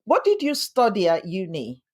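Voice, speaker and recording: A middle-aged woman hosting a podcast interview, encouraging and warm toward her guest. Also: medium pitch, huge pitch swings, normal speed. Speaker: podcast host.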